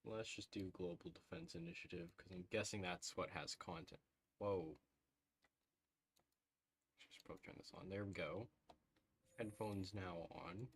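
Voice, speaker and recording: Guy on a headset mic livestreaming a game, lowish voice, keeps going ooh, faint hiss behind. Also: expressive, a little slow, creaky, long pauses. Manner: thinks aloud, reacts with frequent "ooh"s and small laughs. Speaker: streamer. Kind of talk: live gameplay commentary, talking to chat.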